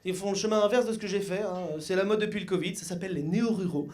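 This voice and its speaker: A young man from Mayenne doing lively stand-up comedy on a club stage, joking and acting out the people in his stories. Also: high-pitched, quick pace. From Mayenne, France. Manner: lively, joking, acts out voices of others. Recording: live club recording with audience laughter.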